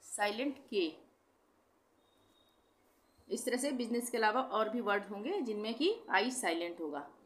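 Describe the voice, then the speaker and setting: A woman with a mid-range, animated voice teaches English pronunciation as a Hindi-speaking teacher in a classroom-style lesson. Spelling each word letter by letter, she repeats it slowly and corrects her own errors.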